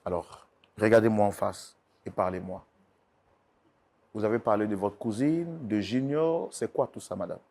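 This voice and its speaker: A man hosting a talk show as mediator, firmly and gently calming a distressed guest with repeated requests. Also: lowish voice, moderate pace, long pauses. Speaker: mediator host.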